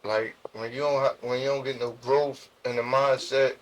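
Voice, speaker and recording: Young Jersey City man, street slang, halting delivery, interview guest. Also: mid-range voice, little pitch movement, poor audio. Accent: New Jersey. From Jersey City, USA. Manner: slangy, halting with many restarts and fillers. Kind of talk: casual storytelling interview.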